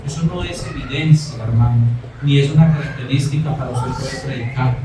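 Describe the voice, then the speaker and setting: Preacher in an echoey room. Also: male voice, mid-range voice, fairly quick, background noise. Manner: conversational storytelling, frequent "¿cierto?" tags. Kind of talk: sermon with personal testimony. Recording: echoey room, mic far off.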